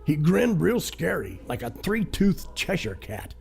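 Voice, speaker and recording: A man narrates a crude, cheeky rhyming parody in a heavily gravelly voice. He takes his time, and his delivery rises and falls widely, with music playing underneath. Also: fairly high pitch, big pitch swings, unhurried, darkish tone. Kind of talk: comic rhyming verse recitation.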